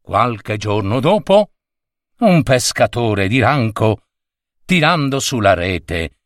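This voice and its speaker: A man reads a children's story at an unhurried pace, with a lively, animated melody. His delivery is expressive and the sound is dry and close. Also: mid-range voice, no echo.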